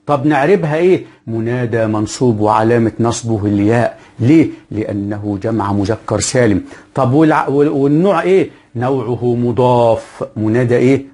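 Egyptian man teaching grammar, husky voice. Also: mid-range voice, dark tone. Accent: Egyptian Arabic. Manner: asks questions and answers them himself; slows down to spell out example phrases. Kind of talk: grammar lesson.

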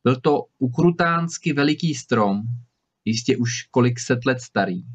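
A man narrating a fairy-tale audiobook in a steady storytelling voice at a middle pitch. He reads in an even, measured way. The recording sounds slightly dull. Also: slightly rough. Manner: steady storytelling, lively in dialogue.

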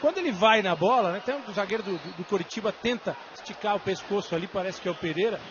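A man's voice: sits high, quick pace. A Brazilian man analysing a live football match in an emphatic, explanatory way. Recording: dull broadcast audio with stadium noise.

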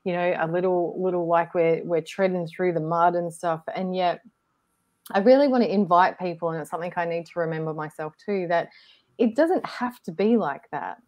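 A woman co-hosting a casual online discussion, reflective and gently encouraging, often restarting her sentences. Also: lowish voice, moderate pace. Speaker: co-host. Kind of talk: casual group discussion on a video call.

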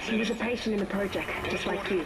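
A woman's voice: medium pitch, fairly even intonation, fairly quick, background noise, close to an everyday voice. A woman voicing a firm radio guide. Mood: urgent. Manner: firm, warning. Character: urgent woman guiding the hero by radio. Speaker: game character. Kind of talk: video game voice acting.

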